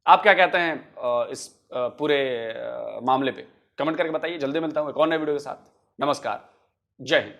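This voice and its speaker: A man's voice: fairly high pitch, moderate pace, creaky, fairly bright tone. Emphatic man hosting a reaction video. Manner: emphatic, argumentative, addresses viewers. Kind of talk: reaction commentary.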